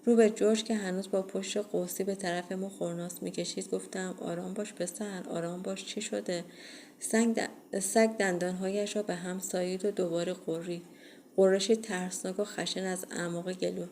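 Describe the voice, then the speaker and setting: A woman reading a first-person horror audiobook in a steady, measured way. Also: medium pitch, a little hiss or hum. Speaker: audiobook reader.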